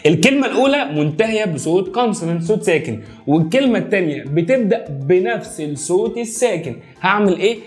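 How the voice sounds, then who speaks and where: A man with an Egyptian accent teaches English pronunciation with lively energy. His voice sits a little high for a man. He drills each word over and over while soft music plays underneath. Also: fast talker, hardly any pauses. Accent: Egyptian Arabic. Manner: energetic, drills words by repeating them. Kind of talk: pronunciation lesson.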